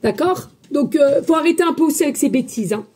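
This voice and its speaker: Woman, medium, loud emphatic guidance talk, high voice, mellow tone. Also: expressive, quick pace. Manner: chatty, addresses viewers as friends. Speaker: medium giving a spiritual guidance reading. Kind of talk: casual spoken guidance to viewers.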